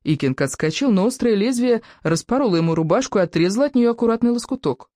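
Animated woman reading a children's book. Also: on the high side, fast talker, dry recording, studio quality. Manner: animated, playful storytelling. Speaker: audiobook narrator. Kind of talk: expressive audiobook narration.

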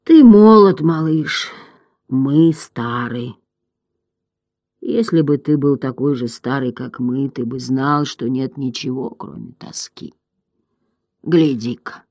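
A reader voicing an ancient giant female turtle, hoarse and gurgling, who drawls slowly and sinks into whispers. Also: mid-range voice, darkish tone, no room sound, highs cut off. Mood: weary, indifferent. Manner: slow, drawling, fading to whispers. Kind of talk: audiobook character voice.

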